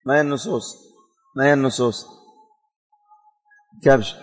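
A man's voice: medium pitch, fairly even intonation, moderate pace. A male teacher leading a religious lesson, repeating questions and quizzing his students. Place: classroom. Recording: long hall reverb.

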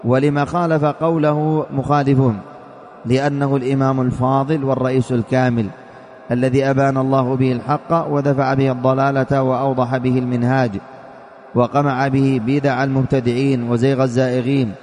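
Brisk male lecturer, flat even tone, reads and explains a text, repeats points, reverberant hall. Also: medium pitch. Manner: quizzes students and repeats key points. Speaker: religious teacher. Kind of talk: classroom lecture reading and explaining a classical text.

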